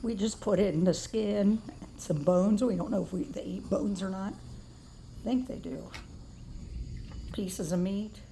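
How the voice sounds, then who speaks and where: A woman's voice: medium pitch, steady tone, moderate pace, hardly any pauses, mellow, a little hiss or hum. A woman talking casually and affectionately to animals in a folksy way, as if filming at home.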